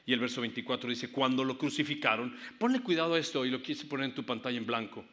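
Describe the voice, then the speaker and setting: A man's voice: mid-range voice, rapid-fire, a bit bright. Dramatic male pastor in a reverberant church. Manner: vivid dramatic storytelling with sound effects. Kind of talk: Good Friday sermon. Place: church sanctuary.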